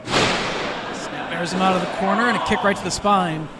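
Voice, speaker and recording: Guy doing wrestling play-by-play, high voice, lots of hiss and noise behind. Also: steady tone. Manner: brisk move-by-move calling. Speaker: play-by-play commentator. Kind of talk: wrestling commentary. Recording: noisy arena feed.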